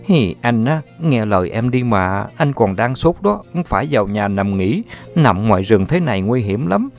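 A man voicing a tender, worried young woman who pleads softly with her sick lover. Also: lowish voice, big pitch swings, moderate pace. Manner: pleading, soft and fussing. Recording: dull lo-fi audio, faint music.

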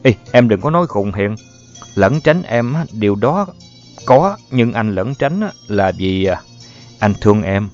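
A man voicing a feverish young man who quietly reassures his worried lover. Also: on the low side, big pitch swings, a little slow. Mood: earnest. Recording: dull lo-fi audio, faint music.

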